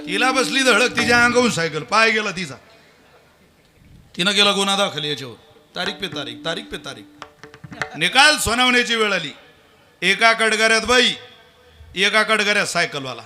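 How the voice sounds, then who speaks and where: A male kirtan preacher talks in a very bright, fairly high voice. He tells stories with humor and chants scripture verses. A faint instrument plays behind him. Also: moderate pace, pauses often, soft background music. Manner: animated, humorous, quotes scripture. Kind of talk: devotional kirtan sermon with storytelling.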